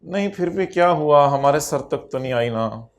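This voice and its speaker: A man's voice: fairly high pitch, expressive, normal speed. A man lecturing an accountancy class, teasing his students and dropping English terms into his explanation. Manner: code-switches into English terms.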